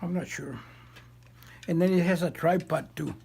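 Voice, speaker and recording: A man's voice: a little high, moderate pace, vocal fry, crowd noise. An older man casually explaining how something works, in repetitive, folksy phrasing. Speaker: grandfather showing his old cameras.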